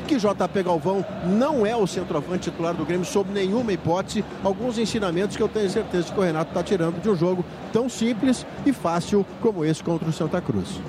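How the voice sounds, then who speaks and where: A man's voice: sits high, brisk, hardly any pauses. A man giving live match analysis in an emphatic, rhetorical way, piling up points. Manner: emphatic, rhetorical, builds lists. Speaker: football pundit. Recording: noisy stadium broadcast.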